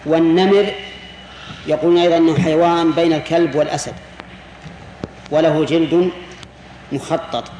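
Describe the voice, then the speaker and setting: A sheikh teaching a jurisprudence class explains step by step, repeating key words and turning questions back to his students. His voice is a little high with a dark, steady tone at a moderate pace, with frequent pauses, recorded in a long, roomy hall echo over faint hiss.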